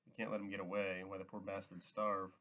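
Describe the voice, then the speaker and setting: A man voicing a weary, guarded male farmhand who speaks slowly and heavily. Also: low-pitched, little pitch movement, sharp tone. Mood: resigned.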